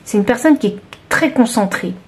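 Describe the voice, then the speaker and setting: A woman's voice: a little high, animated, moderate pace, husky. A woman with a southern French accent doing a tarot card reading for viewers, thinking aloud with many hesitations. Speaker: tarot reader.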